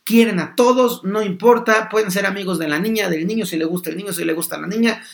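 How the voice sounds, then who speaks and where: A man hosting a podcast, explaining a topic in an animated way and acting out small dialogues. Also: high voice, quick pace, creaky. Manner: animated, acts out little dialogues. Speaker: podcast host.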